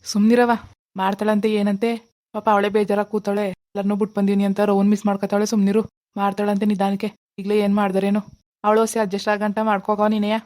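A woman voicing a gentle, coaxing young husband. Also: mid-range voice, monotone, fast, lightly acted. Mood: defensive. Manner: coaxing, reassuring.

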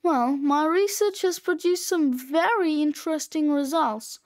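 A woman plays a smug, scheming sixth-grade boy in a storybook reading. His voice is high and full of sarcastic wisecracks. He talks at a slow, measured pace.

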